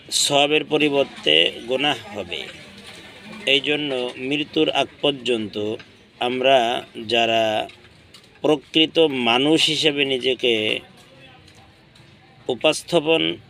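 Slow, bright-voiced man teaching prayer. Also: medium pitch, vocal fry. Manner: slow and deliberate, chanting Arabic phrases with drawn-out emphasis. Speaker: religious teacher. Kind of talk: instructional talk on prayer recitation.

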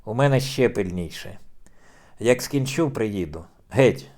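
A man's voice: lowish voice, animated, measured pace. A man voicing a stern older noble official with an explosive temper in an audiobook reading. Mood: angry. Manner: stern, bursts into furious shouting.

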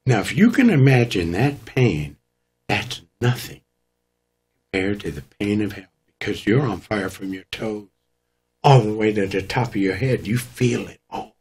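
A man's voice: fairly low pitch, lively intonation, normal speed, a little mellow, husky. A man, a guest preacher, telling his testimony in an emphatic, dramatic preaching manner. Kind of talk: testimony storytelling.

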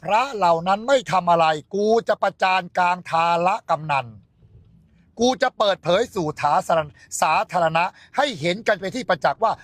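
A man's voice: high-pitched, moderate pace, fairly bright tone, no room sound. A man on a livestream, ranting in a coarse, taunting and mocking way. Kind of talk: angry livestream rant.

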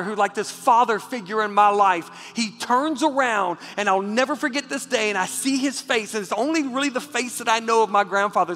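A man preaching a passionate sermon as pastor, repeating words when moved and dropping to a hush for a personal story. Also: extremely high pitch. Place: church sanctuary. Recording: church hall with reverb and faint music.

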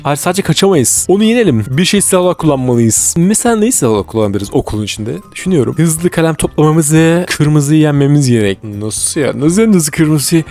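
A man giving excitable live gameplay commentary, reacting with quick exclamations and urgent repeated words. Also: on the high side. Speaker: gaming video creator.

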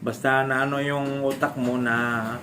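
A man from the Philippines, a stroke survivor, casually demonstrating home exercises with halting speech, frequent fillers and restarts, and often laughing as he explains. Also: mid-range voice, level tone, noisy background. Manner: polite, addresses viewers respectfully. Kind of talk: casual instructional vlog.

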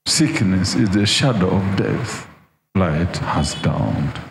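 A man's voice: sits low, expressive, slow, creaky, slight background noise. A man, a pastor, praying for healing in a commanding, declaiming way. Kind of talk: healing prayer. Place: church hall. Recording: echoey hall with loud music.

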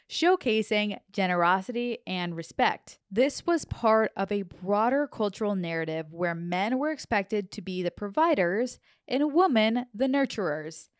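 Smooth-voiced young woman podcast host. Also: medium pitch, dry recording, studio quality. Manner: chatty, playful asides. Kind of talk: scripted explainer with asides. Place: small home studio, indoors. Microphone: handheld dynamic mic, headphones.

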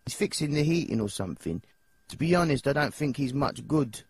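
Here the same English-accented actor plays the nervous, dim, childlike young singer from a video game, now dismissive and chatty, hesitant and rambling in slang. The male voice is mid-range, animated and fairly quick, close to an everyday voice, with a little hiss or hum.

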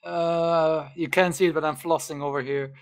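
A man's voice: a little high, fairly even intonation, normal speed. A man co-hosting a casual chat show, joking and laughing often. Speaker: podcast co-host. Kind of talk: casual banter among friends.

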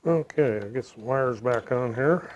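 A middle-aged American man narrating a hands-on repair casually, in a low-key way, as if muttering to himself while he works. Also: unhurried, a little mellow, dull audio, slight background noise. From United States. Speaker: DIY repair video host. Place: home room, indoors.

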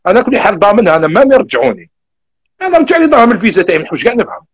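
A young man with an Algerian Arabic accent, telling his own migration story in a casual, animated way and acting out the back-and-forth. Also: very high voice, vocal fry. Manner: animated, rapid retelling with quoted back-and-forth.

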